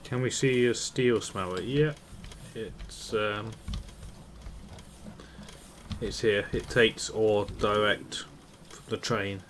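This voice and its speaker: A man's voice: fairly low pitch, expressive, slow. A man streaming a multiplayer game with casual commentary, upbeat when he thanks viewers. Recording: clear background noise.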